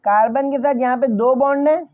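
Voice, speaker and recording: Speaking a little fast in an extremely high, slightly mellow voice, a male chemistry teacher quizzes his students and supplies the answers himself. He keeps repeating important phrases and addresses the class directly, captured in a dry, dull-sounding recording.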